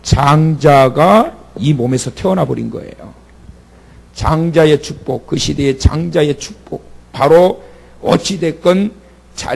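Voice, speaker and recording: Male pastor, church sermon, raspy and gravelly, keeps quizzing the congregation. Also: on the high side. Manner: conversational preaching, asks the congregation questions and has them repeat after him. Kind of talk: sermon at a prayer meeting. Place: church sanctuary.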